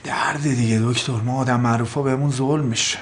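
A man's voice: mid-range voice, steady tone, natural voice. An actor playing a vain, touchy famous footballer who boasts and complains to his therapist in a sitcom. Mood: boastful. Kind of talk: sitcom acting.

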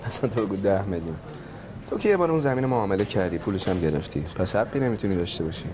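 A man's voice: fairly low pitch, lively intonation, natural voice. A man playing a curt, defiant son. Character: stubborn young man named Arash, proud and curt. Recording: background noise.

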